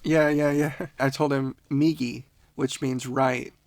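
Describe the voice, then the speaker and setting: A man's voice: medium pitch, little pitch movement, slow pace, a little mellow, dry recording. A man teaching a casual beginner language lesson on a podcast, patient and laughing often.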